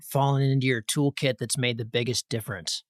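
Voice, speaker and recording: A man's voice: medium pitch, fairly even intonation, brisk, no echo, clean studio sound. A man hosting a podcast, chatting eagerly with many restarts. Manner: enthusiastic, many restarts and fillers. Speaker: podcast host. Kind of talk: casual podcast chat.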